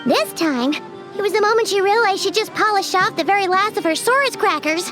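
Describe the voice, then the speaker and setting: In a game cutscene, a woman voices a small, bubbly, food-loving girlish companion who refers to herself in the third person. The extremely high-pitched delivery is animated, chirpy and fairly quick, with music behind the game audio.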